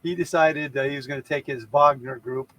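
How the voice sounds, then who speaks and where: A man's voice: medium pitch, fairly even intonation, brisk, a bit bright, poor audio. A man co-hosting a casual comedy news chat, joking and teasing. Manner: jokey, plays clips and mimics voices. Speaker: comedian co-host.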